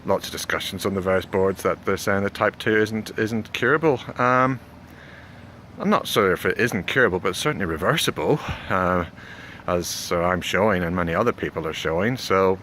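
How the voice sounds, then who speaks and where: A man, talking casually and haltingly in a rambling vlog, often repeating words. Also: sits low, a bit bright. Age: 40s. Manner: hesitant, halting, with repeated words and frequent "you know". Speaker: video blogger giving a health update. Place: outdoors near a road. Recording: clear background noise, outdoors with passing traffic.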